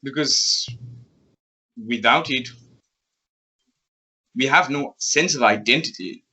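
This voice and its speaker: A man's voice: mid-range voice, slow pace, pushed and bright, breathy edge, rough recording. A man as an interview guest, articulate and thoughtful, often breaking into laughter. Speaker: interview guest, magazine editor. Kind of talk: casual interview conversation.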